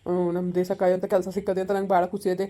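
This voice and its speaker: Woman voicing a young village soldier son, soothing, rapid talk, mellow tone. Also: lowish voice, completely flat delivery, close to an everyday voice. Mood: consoling. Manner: soothing, consoling. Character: young male village soldier, earnest and gentle. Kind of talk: village family drama acting.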